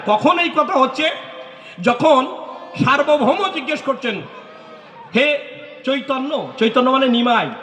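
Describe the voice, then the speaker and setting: Pushed and bright, his very high voice fills an echoey lecture hall with long reverb. The religious speaker is on stage giving a devotional lecture, answering questions from the audience with patient explanations and reciting mantras in rhythmic runs.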